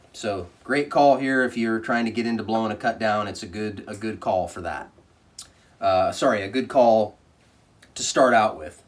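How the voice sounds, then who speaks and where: A man's voice: lowish voice, far from the mic. A man giving a casual product review in a plainspoken, conversational way.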